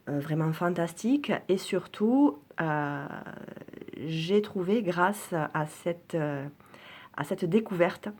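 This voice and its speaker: A French woman presenting a card deck in a casual video, hesitant and earnest, with many fillers and restarts. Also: fairly low pitch. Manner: soft, earnest, enthusiastic. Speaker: oracle card reviewer. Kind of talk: casual spoken product presentation.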